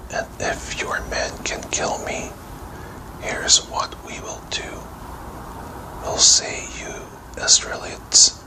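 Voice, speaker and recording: A boastful giant warrior, played by a man issues his challenge in a storybook whispered role-play. The voice is breathy and slow, never rising above a whisper. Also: lightly acted, poor audio.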